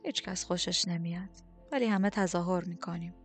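A woman voicing a calm, cynical male courtier who speaks in a hushed, dry way, in an audiobook. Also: faint music behind, close to an everyday voice. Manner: hushed, dry, low-key.

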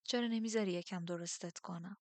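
A woman's voice: on the low side, no room sound. A woman voicing a breezy young woman who talks in an offhand, blunt way.

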